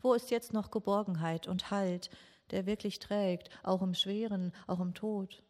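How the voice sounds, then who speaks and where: A woman giving a slow, meditative sermon in a grieving, questioning tone, with long pauses. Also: medium pitch, steady tone. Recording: long echo of a large church hall.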